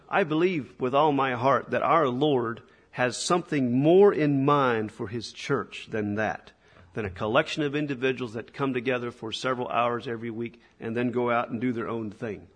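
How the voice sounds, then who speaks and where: A man preaching a church sermon in an earnest, passionate, conversational way, with a slightly husky voice. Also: medium pitch, moderate pace, long reverb tail. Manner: conversational, with rhetorical tag questions.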